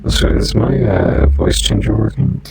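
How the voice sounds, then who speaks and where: Casual man through a demon voice changer: deep, rough fry, relaxed slang. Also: a little slow, loud music behind the voice, rough recording. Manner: laid-back, joking slang. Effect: voice changer making the voice sound demon-like. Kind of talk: casual chat between roleplay scenes.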